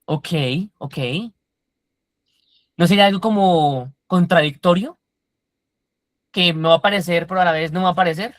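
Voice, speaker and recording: A woman's voice: fairly low pitch, normal speed, long pauses, no room sound, studio quality. A woman teaching a Bible study class, putting questions to the group and explaining words step by step.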